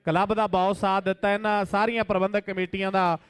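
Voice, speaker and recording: A man's voice: high-pitched, level tone, fairly quick, a bit bright, clear, resonant tone. A man making a thank-you announcement at an event.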